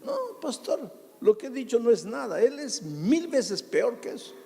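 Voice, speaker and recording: A man's voice: very high-pitched, wildly swooping pitch, unhurried, creaky, dark tone, voice pushed up, heavily acted. A preacher voicing a fretful, tearful young mother. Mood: bitter. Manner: pleading, hesitant. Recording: long church reverb.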